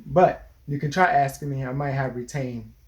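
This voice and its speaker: A man's voice: mid-range voice, steady tone, moderate pace. A young man, a therapist, earnestly giving relationship advice in casual chat, sometimes restarting his sentences. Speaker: therapist co-host.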